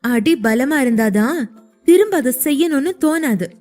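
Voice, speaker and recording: A hurt young wife in a spoken audio drama, voiced by a woman narrator, lashing out between tears. Her voice jumps high above the narration, and the tone stays mellow with faint music in the background. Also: expressive, measured pace. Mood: fierce. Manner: sharp, weepy outbursts.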